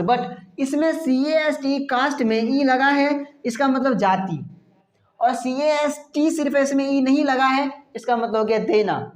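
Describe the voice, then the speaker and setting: A woman teaching a spoken English lesson, spelling words out letter by letter and asking her listeners rhetorical questions. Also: sits high. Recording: echoey room.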